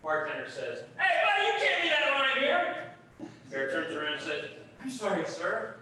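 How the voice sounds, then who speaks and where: A man playing a bright, animated joke-teller on stage. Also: fairly high pitch, normal speed, slight background noise. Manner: animated joke-telling, trading one-liners. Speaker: stage actor telling bar jokes. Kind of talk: live stage comedy acting. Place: theater stage. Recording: echoey stage recorded from far off.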